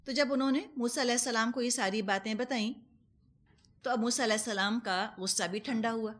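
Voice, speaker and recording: Pitched on the high side and a bit bright, this woman's voice carries a Pakistani Urdu accent. As a Quran teacher giving a commentary lesson, she takes her time explaining with everyday examples and uses some English words along the way.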